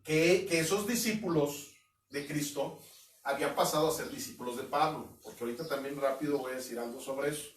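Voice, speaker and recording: A man's voice: fairly high pitch, a little fast. A man preaching an expository sermon as pastor, emphatic, now and then mocking doubters in quoted voices. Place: at home. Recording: echoey room, mic at a distance.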